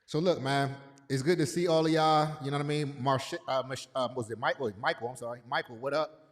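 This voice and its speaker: A man's voice: mid-range voice, fairly even intonation, brisk. A man hosting a casual livestream, speaking in a mid-range voice. He talks loosely and repeats himself, calling out viewers by name. A long, echoey reverb trails each phrase. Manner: loose and repetitive, greeting chat viewers by name. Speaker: livestream host.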